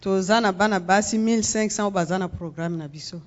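A woman from Congo, a guest speaking in measured phrases and pausing for an interpreter in a church. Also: mid-range voice, darkish tone, highs cut off. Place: church sanctuary.

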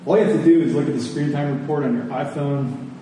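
Talking fast in a slightly high, dark-toned voice, a man preaches to his congregation, repeating phrases and posing rhetorical questions for emphasis. The room is very echoey, the mic is distant, and there's a faint hiss.

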